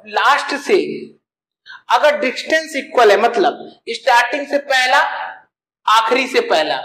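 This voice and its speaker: A man's voice: extremely high pitch, bright, forceful tone, roomy sound, low-quality recording. A man teaching a math lesson, explaining step by step and asking and answering his own questions.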